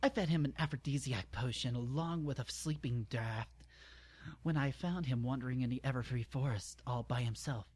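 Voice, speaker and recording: A man's voice: medium pitch, normal speed, darkish tone, breathy edge, no room sound, close to an everyday voice. A man voicing a cruel, scheming female pony who taunts her captive in a raised, mocking voice. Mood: gloating. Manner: taunting, gloating.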